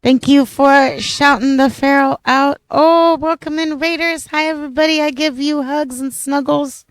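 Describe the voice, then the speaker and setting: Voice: high voice, steady tone, moderate pace, no room sound, rough recording. A streamer with a cute, playful, cat-like manner, chatting affectionately and gushingly to viewers while gaming. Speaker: variety game streamer. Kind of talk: cute playful livestreamer chat with cat-like meows.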